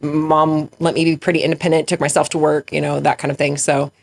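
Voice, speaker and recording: A woman's voice: deep voice, flat delivery, a little fast, creaky. Laughing, chatty woman guest. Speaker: guest, dessert bus owner. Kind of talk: casual chat. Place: studio.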